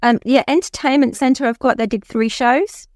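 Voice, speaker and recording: A woman's voice: high voice, moderate pace, a little mellow, dry recording, studio quality. A woman co-host giving brief factual replies while looking up dates.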